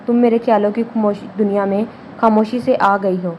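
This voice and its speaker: A woman reading the lines of a male professor musing quietly to himself, lovestruck. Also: mid-range voice, level tone, muffled recording, slight background noise, lightly acted. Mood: dreamy.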